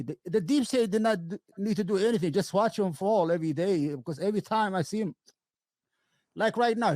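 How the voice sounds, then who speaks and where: A man hosts a casual political interview. He rambles and speaks with emphasis, often restarting his sentences, in a fairly high voice. The recording is close and dry, with no room sound. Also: darkish tone, dry recording. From Brooklyn, New York. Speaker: show host.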